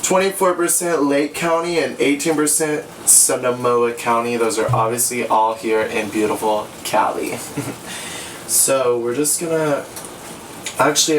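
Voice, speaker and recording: A young American man sounds tipsy and giggly as he casually talks through his cooking with playful, sassy swearing. His voice sits at an ordinary male pitch. He is picked up from a distance in an echoey home kitchen, with clear sizzling and clatter behind him. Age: 20s. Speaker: host of a home cooking show. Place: small cluttered home kitchen. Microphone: camera a few feet away. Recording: echoey kitchen, distant mic, pan noise. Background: sizzling pan and clattering utensils.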